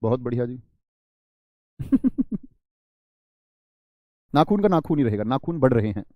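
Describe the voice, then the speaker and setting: A man's voice: mid-range voice, sing-song, measured pace, no echo, lo-fi sound. A man teaching a Hindi grammar class online, talking straight to his students, stressing and stretching single words to drive points home. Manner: addresses students as friends, preachy asides.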